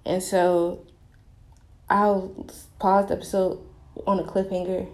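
Speaking slowly in a mid-range voice that barely moves in pitch, a young adult woman delivers a casual, rambling confessional monologue. She's a podcast host recording in the tub of a small, echoey bathroom.

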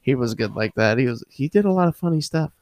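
A man's voice: medium pitch, animated, fast, a little mellow, no echo. A man with a New York accent hosting a casual podcast chat, laughing often and telling stories with animation. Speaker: podcast host.

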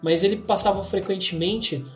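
A young man with a Brazilian Portuguese accent hosting a podcast, telling a story in casual slang with dramatic pauses. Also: sits high, steady tone. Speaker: podcast host. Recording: echoey room with faint music.

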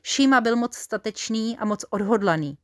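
A woman tells a children's story with a playful, expressive touch, confiding asides to her listeners. Her voice sits a little high for a woman.

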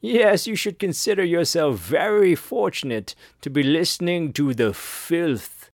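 Pompous aristocratic radio host, played by a man, slow haughty drawl, pitch swooping wide, dry close sound. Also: animated, dry recording. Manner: haughty, affected posh drawl. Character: pompous snobbish upper-class male radio host. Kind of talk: comedic character monologue.

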